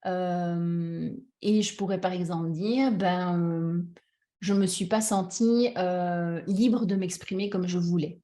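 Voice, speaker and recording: A woman's voice: on the low side, steady tone, takes it slowly, mellow. Hesitant French woman coaching on emotions. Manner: hesitant, many restarts and fillers; addresses audience directly, checks understanding. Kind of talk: conference talk, personal examples.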